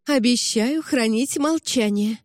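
A woman's voice: a little high, slow pace, dry recording, clean studio sound, big-room sound, voice pushed up. A woman voicing a frantic, overeager mother with an exclamatory, giddy manner. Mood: overjoyed.

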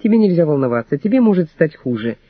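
A man's voice: on the high side, sing-song, quick pace, no echo, narrow, tinny audio. A man reading an audiobook, voicing a timid, meek grown son who pleads. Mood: pleading.

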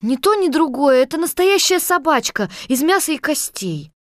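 A woman doing a high, indignant little girl. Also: very animated, normal speed, dry recording, clean studio sound. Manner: scolding, righteous storybook acting. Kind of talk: dramatized audiobook reading.

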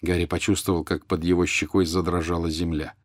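A man's voice: sits low, little pitch movement, a little fast, dry recording, clean studio sound. A man narrating an audiobook in a tense, urgent reading style.

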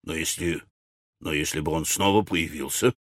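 A male audiobook reader voicing a scheming, level-headed young man who speaks in a low, measured, conspiratorial way. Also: lively intonation, dry recording, clean studio sound, natural voice. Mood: coaxing. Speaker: audiobook character. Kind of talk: audiobook character reading.

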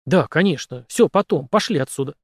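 Male reader as a worried good-natured young guy, urgent and rough-spoken, higher pitch. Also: animated, brisk, no room sound, clean studio sound. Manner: urgent, pleading, rough colloquial. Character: big kind-hearted young man, anxious.

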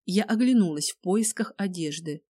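A woman reading a first-person dramatic story aloud, expressive throughout. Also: fairly low pitch, moderate pace, breathy edge. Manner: expressive, voices each character. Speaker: audiobook narrator.

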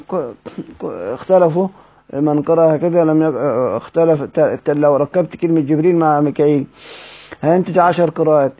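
Male teacher, Egyptian accent, higher-pitched and mellow, halting lesson delivery on a dull lo-fi recording. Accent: Egyptian Arabic. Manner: halting, restarts words, drawls out the names of readings slowly. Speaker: Quran readings teacher. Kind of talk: recorded lesson on Quranic readings.

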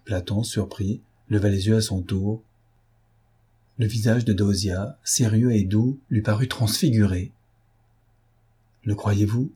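Male narrator, audiobook, low voice, husky, calm even storytelling. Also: unhurried. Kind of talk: scripted narration.

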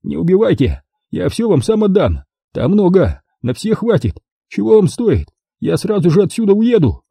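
A rough, coarse ex-diver thug, played by a male reader with a husky, dark voice pushed well above the reader's natural pitch. He barks crude threats and begs in a lively up-and-down delivery, recorded dry and close. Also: normal speed, no echo, exaggerated voice. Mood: pleading. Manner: coarse, snarling, then pleading.

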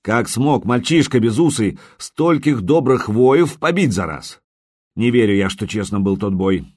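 A man's voice: deep voice, fairly even intonation, brisk, darkish tone, dry recording, clean studio sound, natural voice. A man voicing a grim warrior who speaks gloomily and distrustfully. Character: grim male warrior seeking blood justice.

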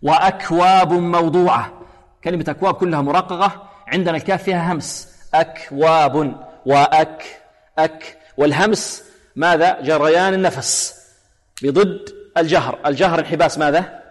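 A man teaching Quran recitation rules, explaining and then slowly demonstrating letters and verses. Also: a little high. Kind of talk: tajweed lesson with recited examples. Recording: long hall reverb.

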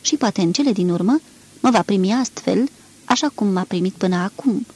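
Woman, husky voice, mid pitch, expressive literary audiobook narration. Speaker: audiobook reader.

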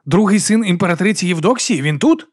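A man's voice: high voice, very animated, brisk, husky, voice pushed up, exaggerated voice. A man doing an earnest, urgent monk. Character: earnest middle-aged male monk, pleading for calm.

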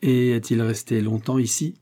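A man's voice: medium pitch, moderate pace, warm tone, close to an everyday voice. A man voicing a cunning older police inspector who pretends to be a humble, hard-of-hearing uncle. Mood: courteous. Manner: feigned humble politeness, sly muttered asides.

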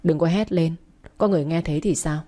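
Woman voicing a gentle, hushed young master. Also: sits low, quick pace. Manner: soft, hushed. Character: gentle young man, a caring master's son.

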